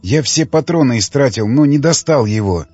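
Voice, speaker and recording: A man's voice: medium pitch, animated, moderate pace, a little mellow, husky, faint music behind. A man voicing a young, grieving male survivor who talks in a raised, defiant way. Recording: dull lo-fi dry recording.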